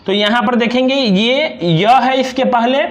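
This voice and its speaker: A young man teaching a grammar lesson, slowly and patiently repeating each example word. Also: very high-pitched, reverberant. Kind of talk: classroom lesson explaining examples on a board.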